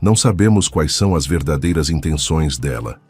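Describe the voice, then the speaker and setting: A man voicing a gruff, distrustful farmhand with a grave, blunt way of speaking. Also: a bass voice, expressive, fairly quick, a little mellow, no room sound, soft background music, heavily acted. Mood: warning.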